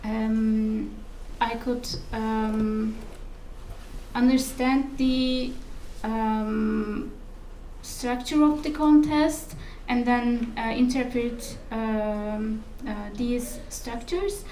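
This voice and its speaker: A high-voiced Turkish woman, a researcher on a conference panel, answers questions hesitantly, halting as she searches for words. Her tone is warm with fairly even intonation, recorded from a distant mic in an echoey room with faint noise.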